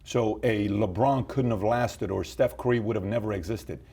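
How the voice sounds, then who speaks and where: Male host from Iran; husky, darkish voice, pushes questions with energy. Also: lowish voice, normal speed. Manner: probing, animated questioner. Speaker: host, interviewer. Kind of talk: interview questions.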